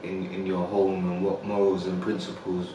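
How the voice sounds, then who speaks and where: Male podcast host, deep monotone, casual, distant and roomy. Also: normal speed, background noise. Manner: easygoing, frequent "like" and "yeah". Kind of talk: casual interview.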